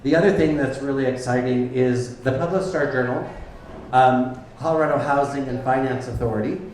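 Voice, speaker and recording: Hosting a community event in the back room of a bar, this man opens with loose, chatty remarks and plenty of ums. His mid-range voice is darkish in tone, with fairly even intonation and normal speed; he stands far from his handheld mic, leaving an echoey sound and faint noise.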